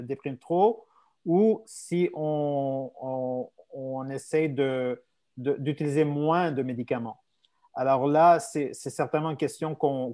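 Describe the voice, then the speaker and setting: A man in gives an informal expert explanation. He speaks haltingly, repeating words and searching for the right phrase as he addresses patients. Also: fairly high pitch, a little mellow. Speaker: invited medical expert speaker.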